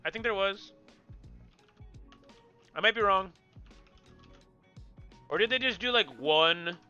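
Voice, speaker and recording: A man's voice: high-pitched, takes it slowly, bright, forceful tone, smooth, muffled recording, faint music behind. A man streaming a game, chatting casually with viewers in a joking, rambling way and repeating himself.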